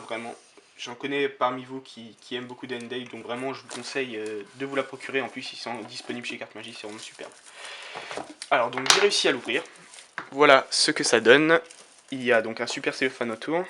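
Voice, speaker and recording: A man giving casual, enthusiastic unboxing commentary to his viewers, pausing often with hesitations and praising everything he shows. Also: medium pitch, noisy background. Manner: enthusiastic, keeps calling things magnificent, frequent hesitations. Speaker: YouTuber unboxing playing-card decks.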